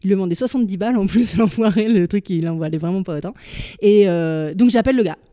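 Woman, casual storyteller, slangy and halting, mellow dry voice. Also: medium pitch, no echo. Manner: chatty, halting, full of fillers and slang. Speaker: storyteller guest. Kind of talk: casual personal anecdote.

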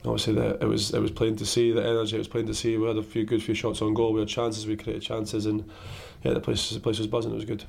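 A man with a croaky voice gives a post-match interview as a caretaker player-manager. He talks quickly in a low, flat tone with a gravelly edge, restarting sentences and repeating himself as he goes. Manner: halting, repeats words and restarts.

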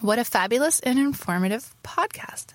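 A woman's voice: on the high side, expressive, normal speed. A woman co-hosting a casual podcast, reading listener letters aloud with frequent laughs and blunt, swearing asides. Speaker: podcast co-host.

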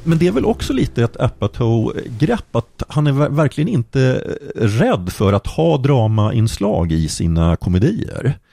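A man co-hosting a casual film chat, making quick asides. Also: mid-range voice, sing-song, gravelly, dark tone, no room sound. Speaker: podcast co-host.

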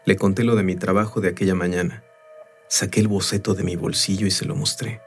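A man narrating a story in the first person in a measured, unhurried way. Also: sits low, fairly even intonation, soft background music. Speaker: audiobook narrator.

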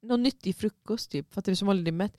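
A woman's voice: medium pitch, no echo, clean studio sound. A young woman co-hosting a podcast in casual chat, acting out the lines of people in her stories. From Tunisia. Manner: animated storyteller, acts out quoted dialogue. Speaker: podcast co-host.

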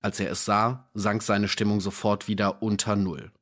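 Lowish male storyteller. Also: little pitch movement, normal speed, a bit bright. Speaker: audiobook narrator. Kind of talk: scripted narration.

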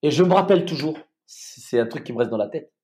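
A middle-aged man with a fairly high voice tells a story from his time as a soldier in a relaxed, conversational way. He stumbles and restarts often, filling gaps with hesitations, then pushes on with vivid detail. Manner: halting, many restarts and fillers, vivid retelling. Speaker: former soldier telling his experience.

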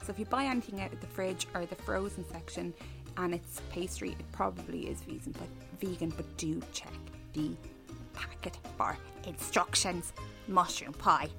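A woman's voice: on the low side, normal speed, creaky, music in the background. A woman co-hosting a podcast in casual comic chat, rambling and self-mocking, with some swearing. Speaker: podcast co-host.

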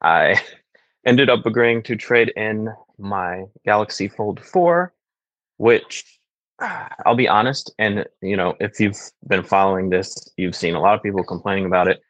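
A man co-hosting a casual tech podcast, relaxed and candid. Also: lowish voice, measured pace, dry recording. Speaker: podcast co-host.

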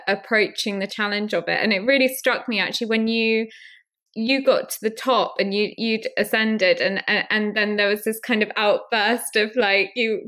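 A woman's voice: mid-range voice, a bit bright. Reflective woman hosting a podcast. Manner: reflective, hesitant, many "sort of" and restarts. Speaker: podcast host. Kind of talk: casual interview chat.

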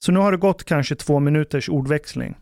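A man recounts a story to his co-hosts in loose podcast chat. His voice is smooth and sits fairly high, and he keeps slipping into the voices of the people he quotes. The sound is dry and close. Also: no echo. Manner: animated storyteller acting out quotes. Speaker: podcast host.

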